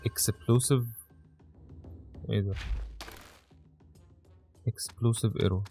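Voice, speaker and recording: A man with an Egyptian Arabic accent giving live gameplay commentary, muttering to himself and breaking into panicked yelling. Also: fairly low pitch, fairly even intonation, normal speed, over music. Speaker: gaming channel host.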